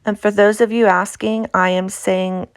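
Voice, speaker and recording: A woman's voice: medium pitch, level tone, normal speed, smooth, no room sound. A woman with an Appalachian accent talks through a craft tutorial in a casual, chatty, informal way. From Appalachia, United States. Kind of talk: casual instructional craft voice-over.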